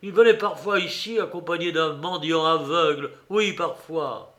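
A sly old peg-legged ship's cook, put on by a man reading the story aloud. He booms and blusters in loud, theatrical bursts, his voice sitting fairly high. A radio reading of an adventure tale. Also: moderate pace. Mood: scornful. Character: gruff one-legged old male sea cook, cunning and blustering.

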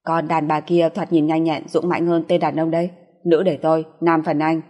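A woman's voice: sits low, little pitch movement, moderate pace, mellow. A woman voicing a brash, cocky male mercenary who talks coarsely and swears, read in a long reverb.

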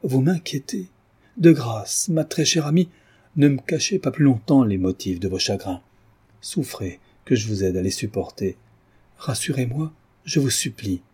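A man's voice: mid-range voice, expressive, measured pace, dark tone, husky, voice pushed up. A man voicing an earnest young nobleman in love, pleading, in an audiobook reading.

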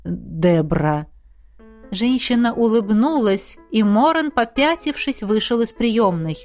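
A woman reading a fantasy novel aloud as narrator with steady, expressive storytelling. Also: on the high side, a little slow, faint music behind. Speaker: audiobook narrator. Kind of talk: scripted narration.

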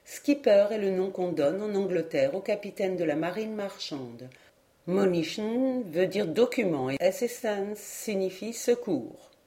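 A woman narrating an audiobook of a classic novel in a clear, steady reading voice. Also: medium pitch, measured pace. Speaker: audiobook reader. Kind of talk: scripted narration.

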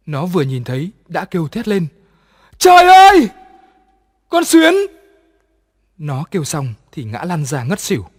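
A man narrates a ghost story at a measured, even pace. His voice sits a little higher than most men's, and a long reverb hangs behind every line. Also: slightly rough.

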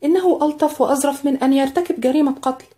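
A woman voicing an anxious, earnest young maid, speaking high and urgently. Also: very fast, dark tone, natural voice.

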